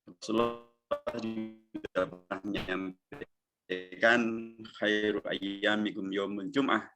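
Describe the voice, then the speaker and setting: A man giving an Islamic lecture over a video call, his audio breaking up and dropping out as he explains scripture in a measured way. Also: fairly low pitch, flat delivery, loud music behind the voice. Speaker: Islamic teacher.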